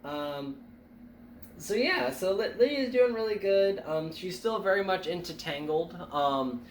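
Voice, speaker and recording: A man's voice: sits high, lively intonation, measured pace. A young man chats casually, his voice a bit nasal and stuffy from allergies. He rambles with fillers and restarts. The room is echoey, with faint ambient noise behind him. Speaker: vlogger. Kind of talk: casual chat.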